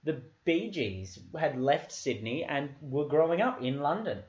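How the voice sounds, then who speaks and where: A man with a fairly high voice tells an improvised comedy story, deadpan and playful. His voice echoes around the room, and the sound is dull and lo-fi. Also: unhurried. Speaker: podcast co-host.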